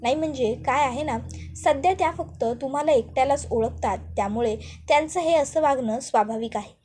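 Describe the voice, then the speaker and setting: Woman doing a calm doctor. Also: high-pitched, brisk, faint music behind, lightly acted.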